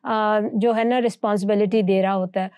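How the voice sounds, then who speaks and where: A woman's voice: medium pitch, fairly even intonation, a little mellow, smooth, dry recording. A woman teaching from the Bible in conversation, earnest and fond of rhetorical questions.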